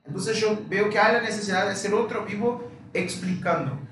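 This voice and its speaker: A man's voice: high voice, brisk, fairly bright tone, very echoey, distant mic, rough recording. A man teaching a live online language lesson, patiently repeating each example word. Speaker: Portuguese teacher.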